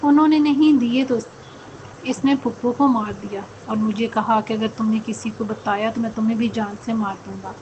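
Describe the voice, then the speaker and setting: A woman's voice: fairly high pitch, steady tone, muffled recording, noisy background, close to an everyday voice. A woman voicing a frightened, guilty young wife in a read-aloud story. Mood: fearful.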